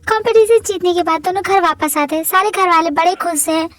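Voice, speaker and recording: A woman narrates a fan-dubbed story drama in a plain, brisk manner. Her voice sits very high. The recording is dry and close. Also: fairly bright tone, dry recording, rough recording.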